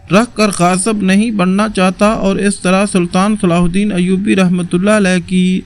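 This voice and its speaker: A man narrating a moral history tale in an earnest, preaching way, speaking directly to his viewers. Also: high voice.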